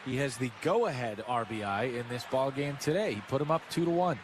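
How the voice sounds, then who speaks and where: With a mid-range voice, an American man briskly and expressively calls live baseball play-by-play for radio. He broadcasts from the stadium booth, and clear ballpark ambience runs underneath.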